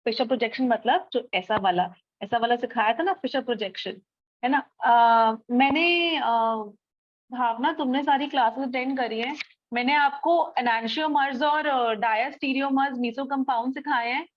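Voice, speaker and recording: A young woman with a high voice teaches a chemistry class online at a measured pace. She explains step by step and often checks that students are following with frequent tag questions. The highs in the recording are cut off.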